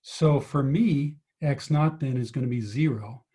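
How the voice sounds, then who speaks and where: Guy tutoring physics on a video call, warm mellow tone, walks through it step by step. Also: medium pitch, a little slow. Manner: patient, explains step by step, asks students questions. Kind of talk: online tutoring lesson.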